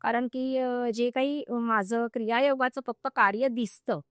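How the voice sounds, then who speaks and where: Woman, spiritual teacher, vivid podcast storyteller; high, bright voice, dry close sound. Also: steady tone, measured pace, smooth, no echo. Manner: vivid, acts out quoted speech.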